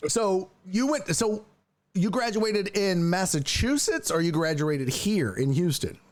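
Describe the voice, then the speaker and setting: Man, sports talk host, higher voice, playful and joking. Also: expressive, unhurried. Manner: joking, playful, swings into high disbelieving tones. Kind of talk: casual interview chat.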